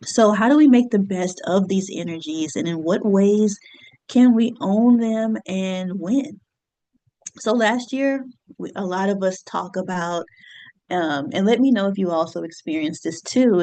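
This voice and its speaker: A woman in her thirties, working as an astrologer and business coach, speaks reflectively to her viewers in a casual solo talk to camera, with easy fillers and soft laughs. Her voice is medium-pitched, and the audio is poor.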